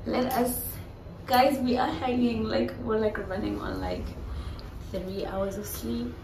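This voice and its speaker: A woman's voice: on the high side, animated, takes it slowly, roomy sound, noisy background. Chatty young woman vlogging on her phone. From South Africa. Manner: chatty, playful, addresses viewers as guys. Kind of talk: casual vlog chat to camera. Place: hotel lift and rooms, indoors. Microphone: phone held at arm's length.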